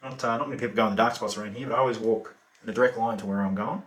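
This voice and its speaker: A man's voice: on the low side, fairly even intonation, racing, distant mic, close to an everyday voice. An Australian actor performing a monologue as a remorseless, lazy male killer, talking in an offhand, laconic way full of fillers. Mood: offhand calm. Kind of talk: theatrical monologue. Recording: roomy echo.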